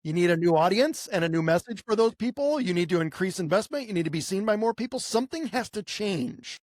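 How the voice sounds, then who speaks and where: With a high-sitting, darkish voice and lively intonation, an American man talks a little fast while co-hosting a podcast. He runs a marketing agency and keeps things casual and conversational, tossing out rhetorical questions and playing imagined clients. The studio-quality audio has no room sound.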